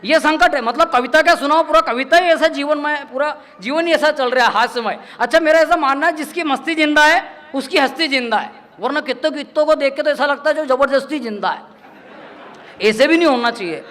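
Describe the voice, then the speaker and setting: A man's voice: extremely high pitch, brisk, bright, forceful tone. A man performs as a comic poet on stage. He talks in chatty, self-mocking stories and slips into the voices of the people in them. He speaks into a stage microphone at a live poetry gathering. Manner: chatty storytelling, acts out quoted voices, laughs often. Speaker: stand-up comedic poet. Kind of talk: humorous poetry-stage banter.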